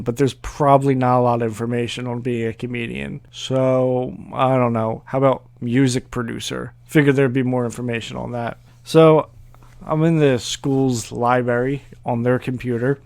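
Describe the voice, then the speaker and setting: A man's voice: mid-range voice, dry recording. A young man telling a rambling, profane comic story in a sardonic manner. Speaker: comedian. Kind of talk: storytelling comedy.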